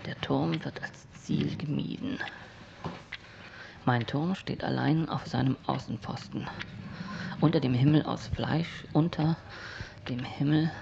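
Heard through a dull, noisy lo-fi recording, a man performs an experimental radio-play monologue as a deranged, brooding loner narrating from his tower. His creaky, mid-range voice holds a fairly even intonation, coming out in deliberate, halting fragments that are often hushed and breathy. The mood is bleak and disgusted.

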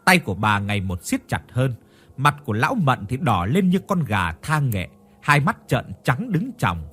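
A man narrating a horror story in a dramatic, expressive reading. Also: mid-range voice, normal speed, husky.

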